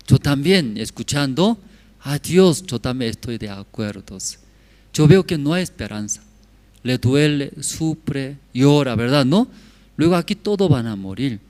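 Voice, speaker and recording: A man's voice: medium pitch, darkish tone. A man preaching a sermon as pastor, telling a story in simple, broken phrases and often checking with the congregation through short tag questions like a teacher. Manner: storytelling of a hospital visit.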